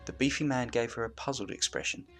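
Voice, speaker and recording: A man reading a story aloud as narrator in a steady, even manner, with faint music behind. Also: mid-range voice, fast talker.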